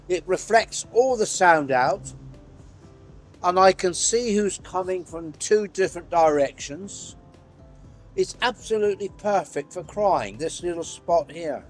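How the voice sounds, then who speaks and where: A man in his sixties with a fairly high voice that moves in lively swings. He talks casually and a bit haltingly out on a high street, with some music in the recording. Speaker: town crier giving an interview. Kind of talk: casual walking chat. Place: outdoors on a town high street.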